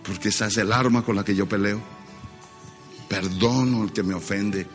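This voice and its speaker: A man's voice: fairly low pitch, steady tone, moderate pace, big-room sound, soft background music. A male pastor with a Colombian accent preaching in a church and leading the congregation in call-and-repeat. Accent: Colombian Spanish. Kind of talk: sermon.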